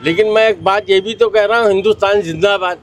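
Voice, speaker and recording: A man's voice: high-pitched, fairly even intonation, fast, faint music behind. A man who drives an auto-rickshaw, arguing back on the street with homely comparisons. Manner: argumentative, using homely comparisons. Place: outdoors on a street.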